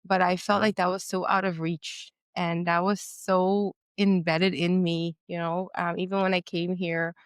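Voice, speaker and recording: Reflective woman host, smooth low voice. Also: little pitch movement, measured pace, no echo. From Guyana. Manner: reflective, with many fillers and restarts. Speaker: podcast host. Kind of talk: conversational interview.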